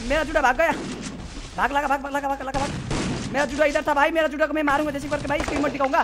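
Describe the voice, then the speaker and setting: A man streaming a shooter game, giving hushed urgent commands to his squad, with a Hindi accent. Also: extremely high pitch, level tone, rapid-fire, very noisy. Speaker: gamer streamer. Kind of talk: live gameplay banter. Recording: loud gunfire game audio behind.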